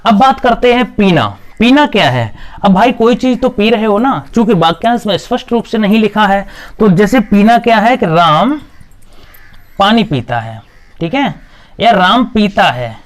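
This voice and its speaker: A man's voice: high-pitched, very animated, measured pace. A man teaching a Hindi grammar lesson, asking questions and answering them himself, with a frequent "okay" between points. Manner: repetitive, asks and answers his own questions. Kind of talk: classroom-style video lesson.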